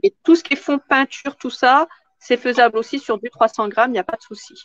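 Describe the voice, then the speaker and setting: Woman, craft live host, chatty, slightly high voice, dull dry sound. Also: brisk, fairly bright tone, no echo. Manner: chatty, answers viewer comments as she works. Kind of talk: casual craft tutorial chat.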